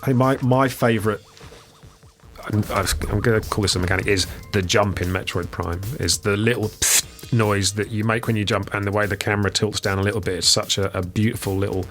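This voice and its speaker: A man's voice: fairly low pitch, fairly even intonation, brisk, fairly bright tone, soft background music. A man, a guest game designer, chatting thoughtfully on a podcast with many fillers and restarts. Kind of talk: casual podcast chat.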